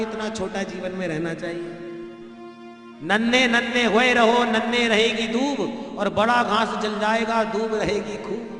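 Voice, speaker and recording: A man's voice: sits high, a bit bright. A man preaching a devotional story sermon to an audience, chatty and folksy, with homely examples addressed straight to his listeners. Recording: echoey hall with faint music.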